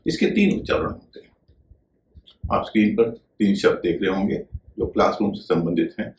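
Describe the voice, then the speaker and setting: A male teacher giving a video lesson on pronunciation, speaking in a measured way and spelling words out letter by letter. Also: low-pitched, echoey room, low-quality recording.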